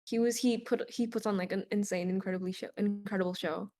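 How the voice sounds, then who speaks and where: Chatting fast in a mid-range voice, a young Indonesian woman, a native speaker of Indonesian, is interviewed as a guest concert photographer. She's relaxed and talkative, peppering her sentences with "like."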